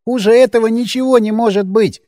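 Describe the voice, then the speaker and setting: A man voicing a timid, frightened, childlike grown man who talks about himself in the third person, pleading in a high whiny voice. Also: steady tone, fairly quick, no echo, clean studio sound. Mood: nervous insistent. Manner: frantic pleading, hushed hissing, high and whiny. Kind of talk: audiobook character voice.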